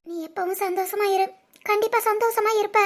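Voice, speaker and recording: A woman plays a young woman in an animated family story, speaking with a Tirunelveli Tamil accent. She sounds soft and wistful, as if talking to herself in regret. The voice sits extremely high, almost childlike. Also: a little fast, heavy background noise. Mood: regretful. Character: young woman, spoiled daughter turned remorseful.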